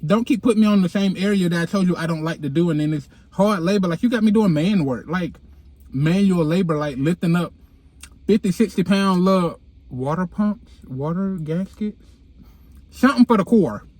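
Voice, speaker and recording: A man with a high, slightly mellow voice speaks at a normal pace to his followers from inside a car, using a handheld phone in a dry recording. His dental aligners cause a lisp and whistling s. As a vlogger and podcast host, he keeps things slangy, sassy and candid.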